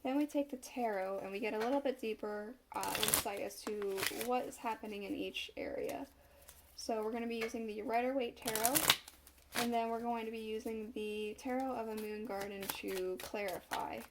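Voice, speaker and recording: A tarot reader speaks casually to camera, turning cards and musing aloud while stuffed up from a cold, with a slight cough. Her voice is on the high side at normal speed, and the recording is very noisy.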